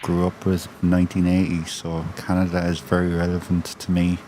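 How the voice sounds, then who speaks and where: A man with an Irish Wexford accent giving casual live snooker commentary, halting and repeating words as he goes. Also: deep voice, monotone, warm tone, a little hiss or hum. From Ireland, Wexford.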